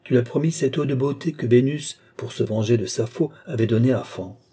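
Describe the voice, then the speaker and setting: A man voicing a young woman under a trance who tenderly and slowly describes her visions in a storybook reading. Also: medium pitch, mellow, husky, lightly acted. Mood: dreamy entranced. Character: young woman, entranced clairvoyant, tender and devoted.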